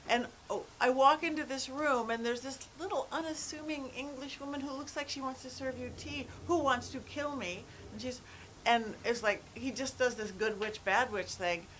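A woman who is a psychic medium guest, telling stories in an animated casual chat. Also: sits high, moderate pace, slight background noise, rough recording.

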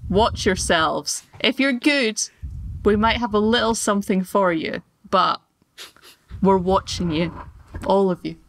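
A woman's voice: mid-range voice, measured pace, a little hiss or hum, pitched below the performer's own voice, natural voice. A woman voicing an intimidating, dismissive bugbear jailer in a tabletop game. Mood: threatening. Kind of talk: tabletop game role-play.

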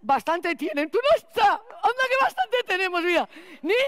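High-voiced chatty school cleaner, a woman clowning it up, rambles and blurts out loud bits. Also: big pitch swings, normal speed, full character voice. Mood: gushing. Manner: rambling, code-switching, restarts and loud outbursts. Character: scatterbrained chatty female school cleaner, flustered. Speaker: clown performer. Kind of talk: improvised clown stage monologue.

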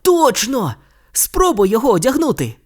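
The audiobook reader voices an excitable boy wizard, speaking in high, eager exclamations. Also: moderate pace. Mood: excited. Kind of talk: audiobook character reading.

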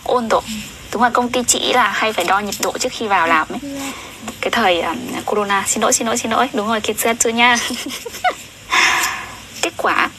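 A young woman tutoring Japanese on a livestream, chatty and often asking viewers questions, reading sentences slowly. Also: a little high, background noise. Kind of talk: casual livestream lesson.

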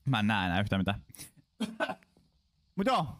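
A man's voice: on the low side, huge pitch swings, fast, fairly bright tone. A man chatting casually while live-streaming a game.

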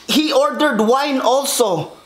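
A man's voice: very high-pitched, slow pace, pitched above the performer's own voice. A man voicing an anxious private chef who pleads in a flustered voice.

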